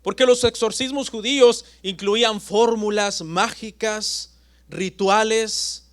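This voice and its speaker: A man preaching a sermon as pastor, with dramatic pauses and swings between loud and soft. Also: high voice, steady tone.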